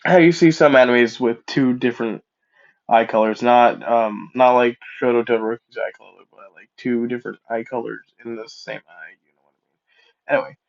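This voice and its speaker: A gravelly man with a cold and a blocked nose improvises a fan-fiction story, rambling casually and often correcting himself. His voice is medium-pitched with fairly even intonation at a moderate pace. The dull lo-fi mic gives the recording a muffled quality.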